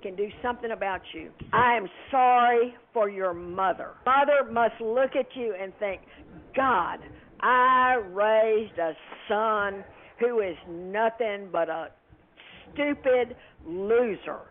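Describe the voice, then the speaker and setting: Over a tinny phone line from her home, a woman in her eighties with a voice on the high side slowly scolds a prank caller. She sounds angry, indignant and agitated.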